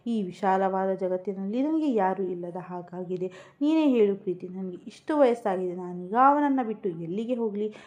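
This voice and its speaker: A woman voicing an older married woman who laments her unhappy marriage through sobs, in a slow, low delivery. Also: expressive, darkish tone, natural voice. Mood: tearful lament. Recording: muffled lo-fi recording.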